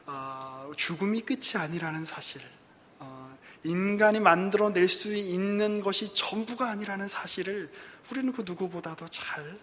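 A male pastor delivering a sermon, his voice sitting notably high. He keeps putting rhetorical questions to the congregation, and the sound hangs in a church hall with a long reverb. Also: fairly bright tone.

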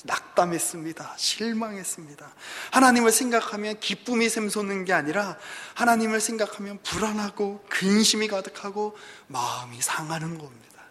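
A male pastor delivering a sermon, his voice sitting notably high. He keeps putting rhetorical questions to the congregation, and the sound hangs in a church hall with a long reverb. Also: moderate pace, few pauses, fairly bright tone.

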